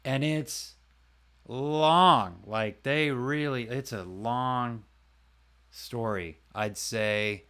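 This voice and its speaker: Through a close desk mic, a man hosting his own livestream rambles casually about his voice-acting work and greets viewers by name. His mid-range voice is very slow, a bit bright, and clean in tone.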